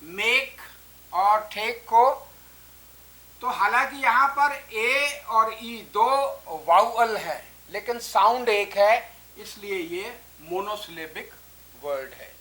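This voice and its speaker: Woman, teacher, unhurried, deliberate explaining. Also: medium pitch, expressive, sharp tone. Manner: slow, deliberate, spells out and counts syllables aloud. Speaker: English teacher. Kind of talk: explanatory lesson.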